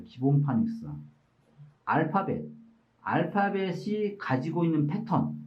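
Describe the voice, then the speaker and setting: A man teaching from his workbook, patiently explaining step by step and sometimes reading sounds out slowly. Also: a little high. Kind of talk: explanatory lesson walkthrough. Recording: slightly muffled lo-fi audio.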